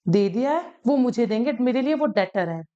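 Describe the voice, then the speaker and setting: Woman teaching accountancy with a lightly high voice. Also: expressive, moderate pace, warm tone, lo-fi sound. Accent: Hindi-English mix. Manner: repeats key points, acts out shop examples. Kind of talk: casual explanatory lesson.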